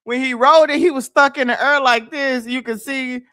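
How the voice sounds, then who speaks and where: A woman hosting a livestream, telling stories in a loud, laughing, profane way. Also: high voice, steady tone, normal speed, dry recording, clean studio sound. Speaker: livestream host. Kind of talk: casual livestream chat.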